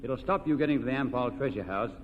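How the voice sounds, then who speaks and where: This quiz show host talks quickly in a mid-range voice, running an old-time radio quiz with a jovial, teasing style. He frequently echoes his contestants' answers. The audio is a dull, noisy old radio recording with the reverb of a hall.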